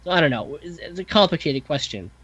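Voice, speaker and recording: A man's voice: fairly high pitch, lively intonation, a little fast, a bit bright, slightly rough, dry recording, highs cut off. A man talking casually and thoughtfully on a podcast, full of fillers, restarts and self-corrections. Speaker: podcast guest, composer. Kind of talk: casual discussion.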